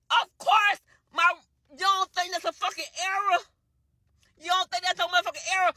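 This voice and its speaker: Furious woman, profane rant, high-pitched, bright and piercing, dry. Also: no echo. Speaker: tenant venting on video. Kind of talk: angry rant to camera.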